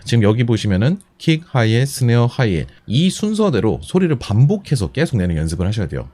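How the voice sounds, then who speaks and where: A man teaching a beatbox lesson step by step, patient and methodical, repeating each instruction slowly. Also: medium pitch, darkish tone. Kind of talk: step-by-step tutorial explanation.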